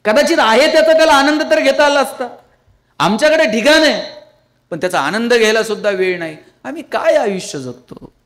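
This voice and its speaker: A man's voice: extremely high pitch, lively intonation, a little fast, a bit bright. A man giving a motivational lecture to an audience, telling funny stories and pleading with his listeners. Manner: storytelling with humor, pleading with the audience. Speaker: public speaker.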